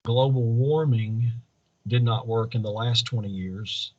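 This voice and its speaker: A man's voice: medium pitch, unhurried, a little mellow, lo-fi sound. A man answering as a political candidate in an interview, earnest and preacherly, building points in repeated parallel phrases. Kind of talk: campaign interview answers in speech-like statements.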